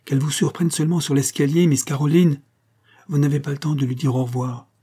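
A man voicing a cheeky young boy servant who gives brisk, bossy orders in a raised voice. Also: fairly high pitch, steady tone, mellow, slightly rough, pitched above the performer's own voice.

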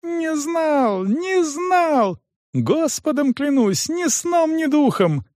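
A man voicing a terrified crippled young man who whines and pleads in a high, sobbing voice. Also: very animated, very slow, a little mellow, no room sound, clean studio sound, heavily acted.

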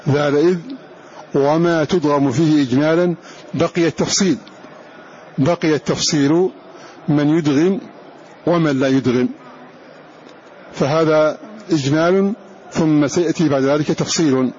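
A man teaching a Quran recitation lesson, who slowly repeats each example phrase and draws out its sounds. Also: on the high side, a little mellow. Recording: dull lo-fi lecture recording with faint hiss.

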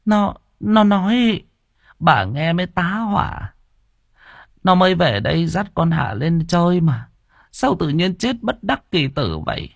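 A man doing a tearful old grandmother, husky. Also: high-pitched, very animated, a little slow, no echo, clean studio sound, pitched above the performer's own voice, full character voice. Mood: grieving. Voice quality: husky, trembling stammer.

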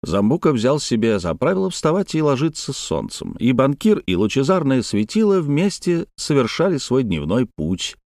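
A man reading a novel aloud as audiobook narration, measured and expressive. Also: medium pitch, dry recording, studio quality. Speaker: audiobook reader. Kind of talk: scripted narration.

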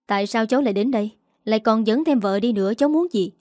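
A woman's voice: a little high, fast, darkish tone, no echo, clean studio sound, close to an everyday voice. Woman voicing a sneering, unfaithful older man. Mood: irritated. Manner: irritated, sneering. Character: defensive unfaithful middle-aged man.

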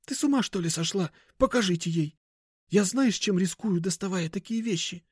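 Man doing a hissing middle-aged woman dealer, hushed whisper, high pitch, snappish and nervous, dry close sound. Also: expressive, moderate pace, breathy edge, dry recording. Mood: nervous snapping. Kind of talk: audiobook character voice.

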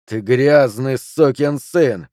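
A hot-tempered gambler who yells his accusations in a raised, strained voice, as a male audiobook reader puts him on. The sound is dry and close, with a dark, mellow tone underneath. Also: a little high, normal speed, no room sound, close to an everyday voice. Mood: furious. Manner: shouting, coarse and accusing. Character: hot-tempered loud male poker loser. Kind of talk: audiobook character reading.

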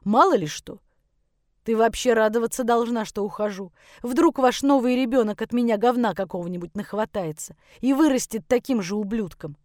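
A woman's voice: fairly high pitch, normal speed, a little mellow, no echo, studio quality, natural voice. A woman voicing a bitter, contemptuous teenage boy in an audiobook. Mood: dismissive. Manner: sneering, contemptuous. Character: bitter scornful teenage boy, angry and rude.

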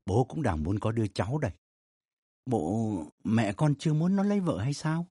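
A man voicing a calm father who gives measured, unhurried advice to his son in an audio drama. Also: medium pitch, husky, no echo, clean studio sound.

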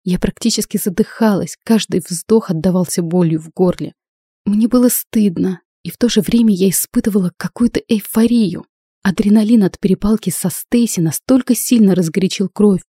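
A woman reads a first-person fantasy novel aloud, voicing the heroine with expressive energy. Her tone is mellow and warm. The recording is dry and close, with no room sound. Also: lowish voice, breathy edge, no room sound. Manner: expressive, acts out the heroine's lines. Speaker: audiobook narrator.

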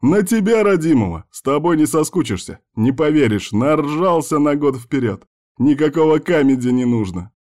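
A man's voice: medium pitch, moderate pace, a little mellow, natural voice. A man voicing a jokey, teasing male friend in an audiobook, brash and laughing as he mocks. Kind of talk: audiobook character voice.

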